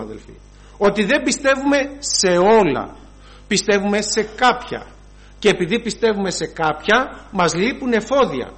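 A man preaching a sermon, telling stories and acting out scenes. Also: high-pitched. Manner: storytelling, animated, acts out scenes.

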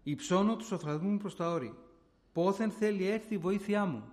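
High-voiced fervent man preaching testimony. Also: a little mellow. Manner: fervent, repetitive, addresses listeners as brothers. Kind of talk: testimony sermon to a congregation.

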